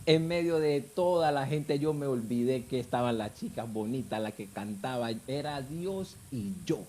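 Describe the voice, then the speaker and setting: A married man with children, appearing as a guest, gives his personal faith testimony in a fervent, emotional way. His voice is medium-pitched with a dark tone, his pace moderate, and there's a little hiss or hum in the audio.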